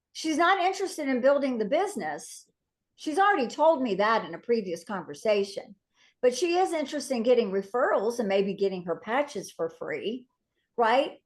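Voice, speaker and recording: A woman coaching her sales team in a casual, chatty way, often asking "right?" and acting out phone calls in lively voices. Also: fairly high pitch. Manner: animated, acts out phone conversations in lively voices.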